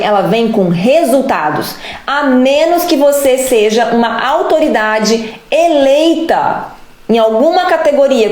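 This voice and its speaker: A woman's voice: sits high, darkish tone, reverberant. A woman hosting a live stream, giving blunt relationship advice and scolding her listeners directly. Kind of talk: casual live advice monologue.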